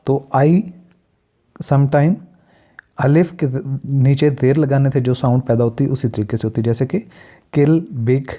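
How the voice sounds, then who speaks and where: A man from Pakistan giving a pronunciation lesson, explaining sounds deliberately and listing example words one at a time. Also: mid-range voice, warm tone. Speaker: English teacher. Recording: dull lo-fi recording.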